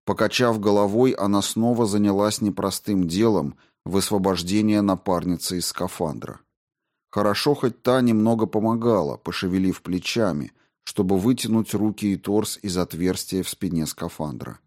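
A man narrating an audiobook in a measured, even storytelling manner. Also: fairly low pitch. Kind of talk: scripted narration.

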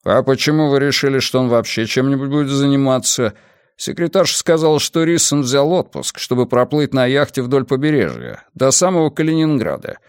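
A man voicing a calm, measured male police commissioner in an audiobook, explaining patiently. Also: mid-range voice, smooth, dry recording, studio quality, voice pushed up, lightly acted. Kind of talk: audiobook character voice.

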